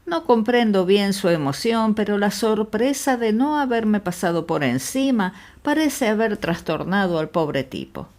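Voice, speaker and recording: Una mujer que lee en audiolibro a un médico rural alegre y afable, que habla con exclamaciones efusivas. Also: female voice, medium pitch, very animated, unhurried, few pauses, a little mellow. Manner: effusive, exclamatory. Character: jovial exuberant male country doctor.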